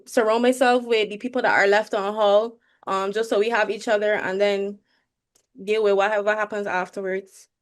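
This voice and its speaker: Anxious young woman from Barbados. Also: mid-range voice. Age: young adult. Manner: anxious, hesitant. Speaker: university student. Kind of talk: interview.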